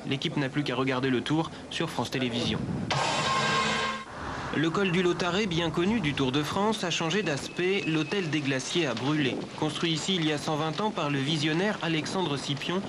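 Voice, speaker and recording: A man narrates regional news items in a measured, crisp manner, his voice sitting a little high. Street and traffic sounds come through clearly behind him.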